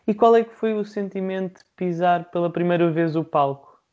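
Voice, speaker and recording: An interviewer asking formal, measured questions. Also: mid-range voice, a little mellow, lo-fi sound.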